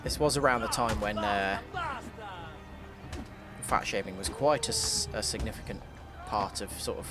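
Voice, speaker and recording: A man's voice: fairly low pitch, normal speed, pauses often. A man from Britain giving chatty, joking let's-play commentary. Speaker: streamer. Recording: commentary over game music.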